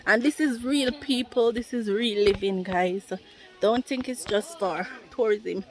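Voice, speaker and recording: A woman's voice: a little high, measured pace, soft background music. A Jamaican woman vlogging a trip, enthusiastic and chatty, calling her viewers guys. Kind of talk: casual travel vlog talk to viewers. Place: outdoors in a busy village setting. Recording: crowd chatter behind, outdoors.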